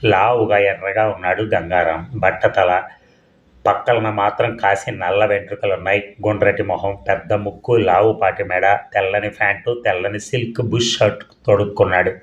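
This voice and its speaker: A man reading a novel aloud as an audiobook narrator, in a measured, plain storytelling manner. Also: on the low side, fairly even intonation. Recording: dull, echoey room.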